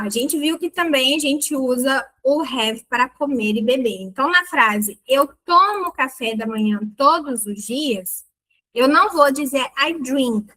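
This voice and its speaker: Bright, high-voiced woman teaching. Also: poor audio. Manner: lively, explanatory, exaggerates intonation on examples; chatty and playful with students. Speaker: English teacher. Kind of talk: online language lesson.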